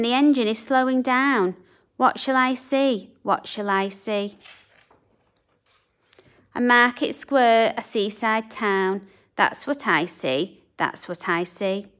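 A woman reads a picture book aloud to young children, unhurried and sing-song. Her voice sits in a middle register, and she lingers over each line with gentle expression. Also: medium pitch. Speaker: children's storybook reader. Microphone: camera above a book on a table.

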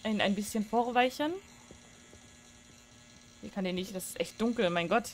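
A woman's voice: mid-range voice, moderate pace, a little hiss or hum. A woman giving joking, chatty commentary while playing a horror game, talking to viewers at a desk microphone. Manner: chatty, joking, shrieks when startled. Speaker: gaming streamer. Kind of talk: let's play commentary.

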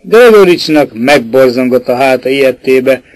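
A man narrating a literary audiobook, shifting his pitch to voice the characters in the dialogue. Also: expressive, dry recording, low-quality recording.

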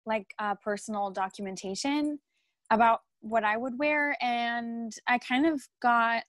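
Her voice is fairly high, a little slow and a bit bright, in a dry recording. She's a young French woman being interviewed over a video call via laptop or phone camera, sitting in a home room with art on the wall, chatty, full of ums and often laughing.

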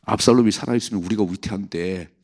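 A male pastor preaching an emotional dawn prayer sermon, swinging between loud and hushed and acting out the voices in the story. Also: on the low side, fast talker. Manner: acts out voices of parents, David and the devil in quoted lines.

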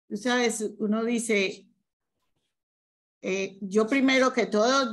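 A woman hosting a video-call meeting, welcoming guests warmly and introducing the next speaker. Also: mid-range voice. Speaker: meeting host. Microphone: video call webcam.

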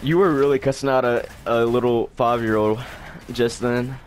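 A man in casual game voice chat, speaking at a middling everyday pitch. He stalls and stammers through his sentences with a teasing, playful edge. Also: steady tone, moderate pace, slight background noise. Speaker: channel host.

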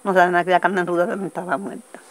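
An older woman from Colombia's Magdalena region with a Caribbean coastal accent, giving halting oral testimony and acting out quoted voices as she goes. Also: lowish voice, flat delivery. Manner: halting, restarting storytelling that acts out quoted voices. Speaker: interviewee, witness.

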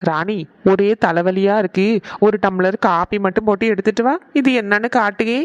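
A performer voicing an easygoing father who speaks gently to his wife and daughters. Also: medium pitch, steady tone, normal speed, no room sound, highs cut off, lightly acted. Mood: calm.

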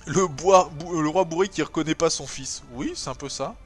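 A man giving casual commentary while playing a strategy game, thinking aloud with many hesitations and sudden excited bursts. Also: on the high side, moderate pace, slightly rough, faint music behind. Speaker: let's play gamer.

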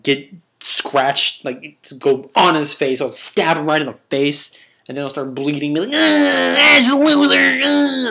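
A man's voice: medium pitch, a bit bright. A young man hosting a casual video, talking in a crude, rambling, joking way. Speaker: video host. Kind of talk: casual vlog commentary.

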